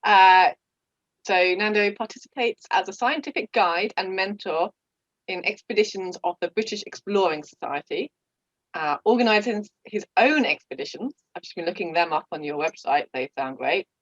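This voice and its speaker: A woman's voice: mid-range voice, lively intonation, normal speed, no echo. A woman in her thirties hosting a casual interview, friendly and giggly, with frequent fillers. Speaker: podcast host. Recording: dull, dry lo-fi audio.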